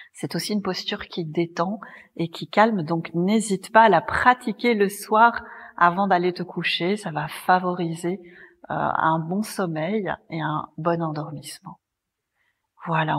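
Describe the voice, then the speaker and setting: Calm breathy woman guiding a yoga class. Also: lowish voice, long reverb tail. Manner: calm, gently guiding, cueing breath and movement. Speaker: yoga teacher. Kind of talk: guided yoga class instruction. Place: yoga studio.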